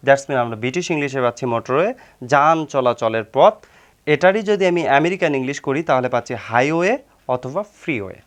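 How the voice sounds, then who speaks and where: A man explaining vocabulary as a teacher, repeating words and leaning on the filler "হচ্ছে". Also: a little high. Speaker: English teacher.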